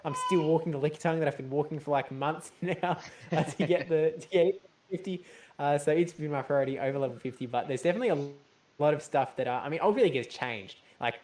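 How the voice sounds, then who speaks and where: A man commentating a live game match, friendly and quick to laugh. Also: a little high, darkish tone. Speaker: esports caster.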